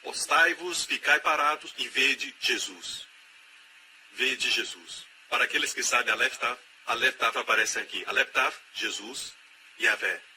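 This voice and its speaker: A man with a Brazilian Portuguese accent, giving the voice-over of a sermon with emphatic preaching and loud repeated exhortations. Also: mid-range voice, unhurried. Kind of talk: dubbed sermon. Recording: steady background noise.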